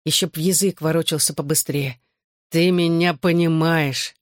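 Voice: mid-range voice, no room sound, studio quality, lightly acted. A reader voicing a giddy teenage boy in a hospital bed who slurs and drags out his words while drugged. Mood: slurring. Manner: slurred, drawn-out, giddy.

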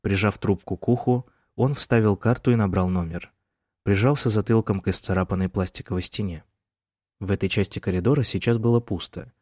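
A male narrator reads a novel in a calm, measured way. His voice is low, and the recording is dry with no room sound. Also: no echo. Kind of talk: audiobook narration.

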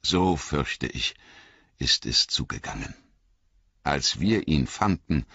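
A man voicing an old, wise male wizard who speaks in a grave, measured way with emphatic repetition, in an audiobook reading. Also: a bass voice, fairly bright tone, slightly rough, dry recording, exaggerated voice. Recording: dull lo-fi audiobook recording.

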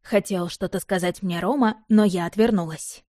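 Woman, audiobook narrator, mellow and warm, dry close recording. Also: medium pitch, normal speed, no room sound. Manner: expressive first-person storytelling.

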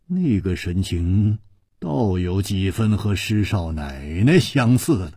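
Brief: male storyteller, husky, slow, melodic dramatic reading. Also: low-pitched, very animated, mellow, no echo, studio quality. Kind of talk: expressive novel-reading storytelling.

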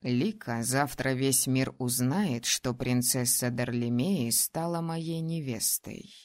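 A woman voicing a young male ruler in an audiobook, teasing and domineering, speaking low, slow and calm. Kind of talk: audiobook character voice.

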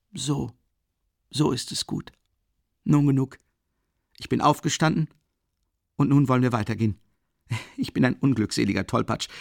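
A man reading an audiobook and voicing a drunk, excitable young man who rants fervently and loudly. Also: medium pitch, creaky, no echo, studio quality, pitched above the performer's own voice. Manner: fervent, ranting, shouting.

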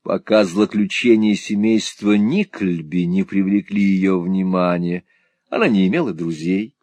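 A man narrating a classic novel as an audiobook in a measured, expressive storytelling manner. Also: low-pitched, no echo. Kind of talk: scripted literary narration.

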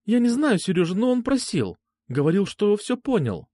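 A man's voice: high voice, big pitch swings, moderate pace, warm tone, dry recording, clean studio sound, pitched above the performer's own voice. A man voicing a frightened, meek young woman who pleads timidly in an audiobook. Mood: timid pleading. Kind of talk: audiobook character voice.

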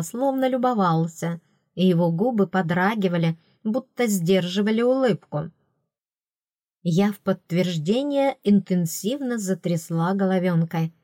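A woman reading a novel in first person, telling the story in a lively, playful way. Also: medium pitch, no room sound, studio quality. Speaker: audiobook narrator. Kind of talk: first-person audiobook narration.

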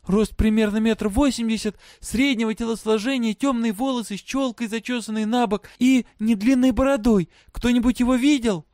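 A man voicing a bold, desperate young girl who searches for her father, with shrill, urgent shouting. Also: normal speed, no echo, studio quality.

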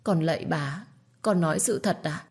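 A woman's voice: deep voice, normal speed, a little mellow, breathy edge. A woman voicing a frightened young servant girl who pleads with her mistress. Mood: pleading. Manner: timid and pleading.

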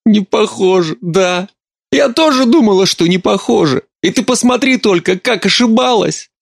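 Guy doing a crying mom, high wobbly voice, dry close audiobook sound. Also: big pitch swings, normal speed, a little mellow, dry recording. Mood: sobbing. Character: distraught middle-aged mother, weeping and pleading.

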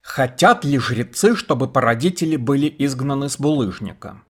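A man's voice: medium pitch, lively intonation, moderate pace, breathy edge. A man reading an audiobook voices a persistent interrogator who asks courteous but probing questions. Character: persistent male interrogator, polite but pressing.

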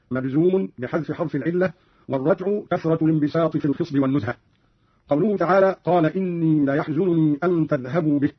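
A man presenting a formal, scripted explanation of Quran reading variants in a brisk, explanatory manner. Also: fairly high pitch, husky. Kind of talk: scripted scholarly commentary. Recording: dull lo-fi radio broadcast.

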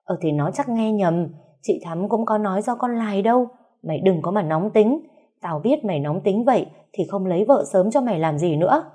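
A woman's voice: mid-range voice, animated, a little fast, warm tone, slightly rough. A woman voicing a weary older mother-in-law, grumbling tiredly.

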